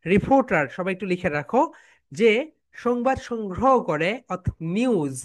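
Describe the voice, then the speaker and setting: A woman teaching English, explaining in Bengali and slowly repeating English phrases for her students to chant back. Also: medium pitch, expressive, a little mellow. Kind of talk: online classroom lesson.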